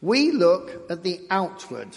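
A man with a Nottingham English accent preaching a sermon in short phrases, pausing for an interpreter. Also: high-pitched, huge pitch swings, vocal fry. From England. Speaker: guest preacher. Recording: reverberant hall.

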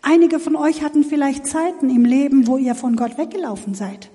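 A woman's voice: sits high, a little fast, mellow. A woman interpreting a sermon phrase by phrase, with small stumbles and restarts. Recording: reverberant hall.

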